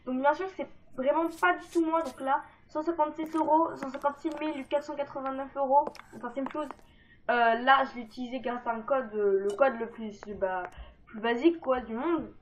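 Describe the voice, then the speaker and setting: A woman's voice: high voice, brisk. A woman explaining game cheat codes in a casual, rambling let's-play, full of fillers and self-deprecating asides. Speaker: gaming video creator. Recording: dull lo-fi mic with faint noise.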